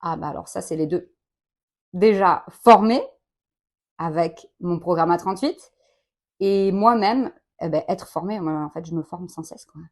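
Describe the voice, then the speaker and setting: A woman in her late thirties answering quick-fire interview questions in a chatty, informal way, laughing often. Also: lowish voice. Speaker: company director interviewed.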